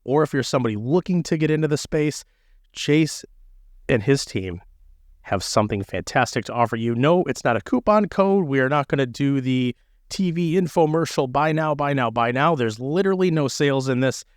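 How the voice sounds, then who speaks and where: Brief: male podcast host, playful, lively pitch, dry close recording. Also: normal speed, dry recording. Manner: playful, joking. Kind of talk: casual podcast chat.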